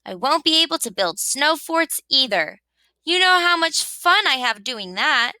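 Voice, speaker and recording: A woman's voice: sits high, animated, unhurried, pushed and bright, no echo, voice pushed up, heavily acted. A woman voicing a cranky, stubborn rabbit who complains emphatically in a children's storybook read-aloud. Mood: grumbling.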